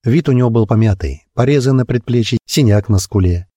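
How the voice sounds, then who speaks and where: A man narrating an audiobook with an expressive, varied delivery. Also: medium pitch, brisk, husky, dry recording, studio quality.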